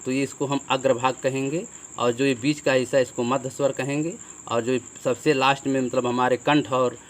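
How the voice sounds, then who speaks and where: A man's voice: mid-range voice, little pitch movement, moderate pace. A man teaching Hindi grammar as a classroom lesson, explaining step by step, asking questions and answering them himself. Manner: explanatory, repeats with "ठीक है" and rhetorical questions.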